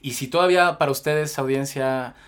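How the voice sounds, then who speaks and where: This casual podcast interview opens with a long, meandering, filler-packed introduction of the guest by the host, who has a Mexican accent. He talks at a moderate pace in a mid-range voice that's a bit bright, clear and resonant.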